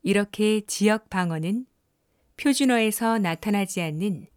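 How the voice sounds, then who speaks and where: A woman narrates a classroom-style lesson from a script, taking her time over every phrase. Her delivery is measured and explanatory, at a mid pitch and an unhurried pace that leaves room for each point to land. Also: a little mellow, clear, resonant tone. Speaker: narrator of an educational video.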